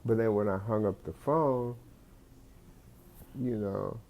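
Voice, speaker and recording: A man's voice: lowish voice, slow pace, vocal fry, muffled recording. A man telling a comic story in a rambling way, with many fillers and restarts. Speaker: comedic storyteller.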